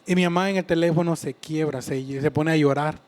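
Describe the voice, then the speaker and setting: High-voiced man giving testimony. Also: steady tone. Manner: earnest, halting, with frequent restarts and repeats. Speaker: church member giving testimony. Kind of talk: personal faith testimony.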